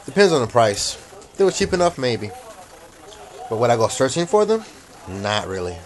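A middle-aged man giving a casual, low-key snack review in a matter-of-fact way, recorded on a handheld camera at home. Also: sing-song, normal speed. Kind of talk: casual food review vlog. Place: small room at home, indoors. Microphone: handheld camera at close range.

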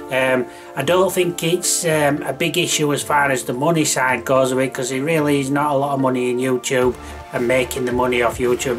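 A man in his thirties talks straight into a close camera at home, in a middle-pitched voice with faint music behind him. He rambles along in a casual vlog, full of ums and restarts. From England. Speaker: mobile DJ and vlogger. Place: small room at home. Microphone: camera close to the face.

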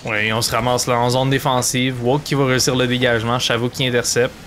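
A man with a Quebec French accent doing excited sports commentary of a video game match in running, fragmented phrases. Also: mid-range voice, fast talker, a little hiss or hum. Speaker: esports commentator.

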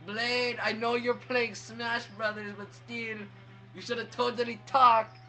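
A man giving let's play commentary, excitable, trash-talking the enemies on screen and breaking into shouts and laughs. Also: extremely high pitch, a little slow. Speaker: gamer playing through a platform game. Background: faint game music.

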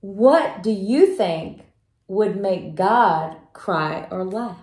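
A woman reading a children's picture book aloud in a slow, gentle way, stopping to ask young listeners questions. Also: medium pitch, animated. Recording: roomy echo.

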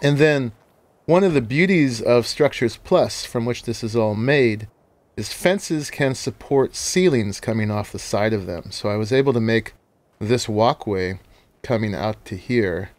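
A man's voice: mid-range voice, lively intonation, measured pace. Chatty man narrating his game build. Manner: chatty, laughs often, explains as he plays. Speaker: game let's-play host. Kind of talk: casual gameplay commentary.

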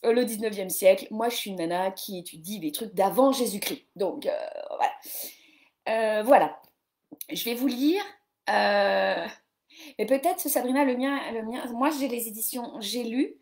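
A chatty woman in her forties talks casually on a live stream, mocking herself with a good humor. Her voice sits a little high, and she breaks off and restarts often as she talks about books with her viewers. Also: measured pace, a little mellow. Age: 40s. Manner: chatty, self-mocking, with many restarts and fillers. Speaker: yoga teacher and podcast host. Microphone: computer or phone camera on a live stream.

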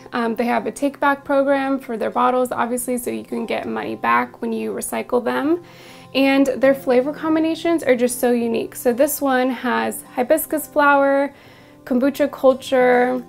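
A young woman vlogger with a raspy voice, chatting casually about her favorite products at home, with lots of ums and asides. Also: a little high. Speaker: beauty and lifestyle vlogger. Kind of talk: casual product review to camera.

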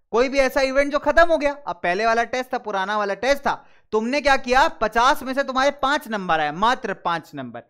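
A male school teacher giving an online class. He is animated and keeps asking checking questions while he tells everyday stories to make his points. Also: very high voice, clean tone.

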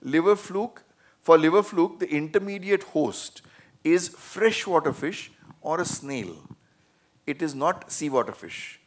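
Older surgeon explaining on a panel. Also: male voice, fairly high pitch, animated, a little slow. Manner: earnest and explanatory, with sudden emphatic bursts. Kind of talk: panel discussion answering questions. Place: large auditorium stage. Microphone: handheld microphone.

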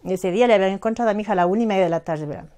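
A middle-aged woman with a southern Andean Ecuadorian accent, giving personal testimony as a victim's mother, halting and emotional, full of reported speech. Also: medium pitch, mellow. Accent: southern Andean Ecuadorian Spanish, Azuay.

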